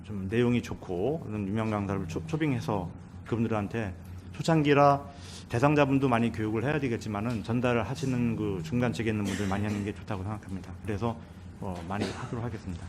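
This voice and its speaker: Male civil servant, lowish pitch, formal and deferential meeting answers that restart now and then, light background noise. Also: fast talker. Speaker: department head, senior welfare official.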